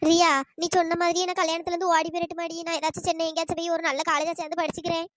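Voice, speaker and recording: A woman's voice: very high voice, flat delivery, rapid-fire, no room sound. Cartoon role: anxious young bride, hesitant, close dry sound, voiced by a woman. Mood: worried. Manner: hesitant, worried. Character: timid young bride dreaming of studying.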